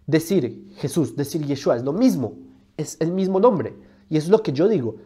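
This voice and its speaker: Speaking into a lapel mic in a studio, a Colombian religion video host argues his point in an explainer monologue, emphatic and full of rhetorical questions. His fairly high voice is mellow with a breathy edge.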